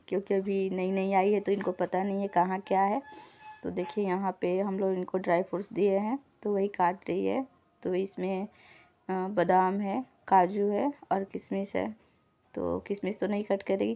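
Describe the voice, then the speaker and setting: Woman vlogger for a casual voice-over; warm, dark timbre, level and even, talks viewers through each step. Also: mid-range voice. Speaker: lifestyle vlogger. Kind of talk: casual voice-over narration of cooking footage.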